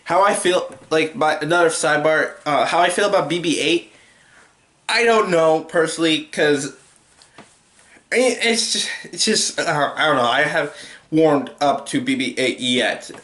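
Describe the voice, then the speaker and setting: A man's voice: fairly high pitch, normal speed, fairly bright tone, reverberant. A young man giving a casual, rambling movie review at home, full of restarts and filler words. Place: home room with a TV.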